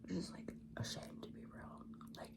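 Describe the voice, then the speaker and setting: Young man whispering rambly ASMR chat. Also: normal speed. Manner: rambling, casual, swears often. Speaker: ASMR creator.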